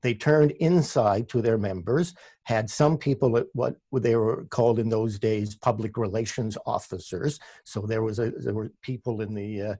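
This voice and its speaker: A man's voice: lowish voice, fairly even intonation, normal speed, mellow, no room sound. A man with a Canadian accent, a radio producer talking as a guest in a casual interview, often restarting and repeating words.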